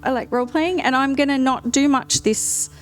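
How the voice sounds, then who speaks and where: Giggly, chatty voice in their thirties. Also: female voice, sits high, fairly even intonation. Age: 30s. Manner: giggly, chatty, quick asides. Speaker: artistic director and player. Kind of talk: casual chat.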